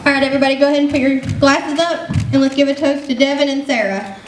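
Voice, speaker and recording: A woman's voice: high voice, steady tone, fast, music in the background. A woman emceeing a wedding reception, cheerfully leading the guests in a toast. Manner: upbeat, cheering. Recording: echoey room with a noisy crowd.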